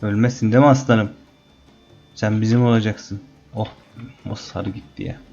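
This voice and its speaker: Gaming host, male, low mellow voice, chatty Let's Play commentary, dull lo-fi mic. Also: steady tone, moderate pace, soft background music. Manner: playful, taunts the game animals, chatty with viewers.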